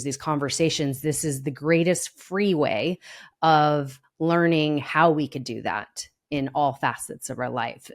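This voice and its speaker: A woman hosts a podcast interview in a relaxed, chatty style. Her voice is low for a woman, and she sounds upbeat and enthusiastic as she talks. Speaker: podcast host. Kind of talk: casual interview chat.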